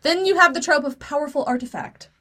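A woman's voice: high-pitched, quick pace, a crowd in the background. Chatty laughing woman podcast co-host. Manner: animated, laughs often, lots of fillers. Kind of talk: casual chat.

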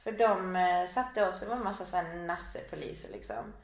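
Brief: woman guest, lively storyteller, echoey room. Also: fairly low pitch. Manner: lively storyteller, quotes people with slang. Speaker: podcast guest. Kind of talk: casual chat, anecdotes. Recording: roomy echo.

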